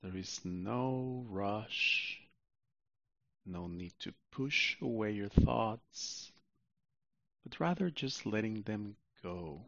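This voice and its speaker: A man narrating a guided sleep meditation like a sleep story, soothing and unhurried, with long pauses, on a muffled recording. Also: lowish voice, expressive, creaky, fairly bright tone, no echo.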